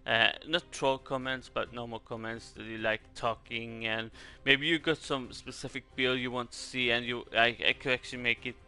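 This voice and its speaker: Bright-voiced man with a Swedish accent. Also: medium pitch, little pitch movement, normal speed, few pauses, clear, resonant tone, faint music behind. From Sweden. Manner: hesitant, rambling, repeats words. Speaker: gaming video creator. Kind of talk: casual game guide commentary.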